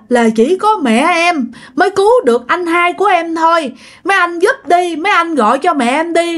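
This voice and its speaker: A woman's voice: very high voice, fairly bright tone, voice pushed up. A woman voicing a weeping young male soldier begging his comrades for help in a ghost story. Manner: pleading, tearful.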